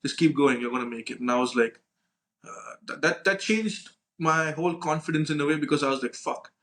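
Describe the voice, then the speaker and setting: A young adult man with a slightly high, somewhat bright voice speaks fairly quickly as a podcast co-host. He recounts casual, cursing-filled stories in slang, acting out dialogue and often asking "right?"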